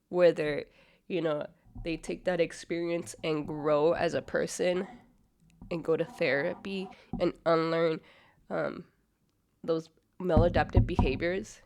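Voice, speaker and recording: A woman hosting a reaction video, blunt and mocking in casual commentary. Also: fairly low pitch. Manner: blunt and mocking, laughs often. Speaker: reaction channel host.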